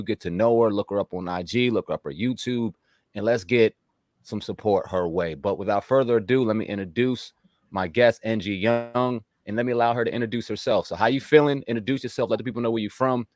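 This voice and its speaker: A man's voice: on the low side, dry recording, studio quality. A man from the US East Coast hosting a casual interview with an upbeat, hype-style delivery. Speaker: interview host.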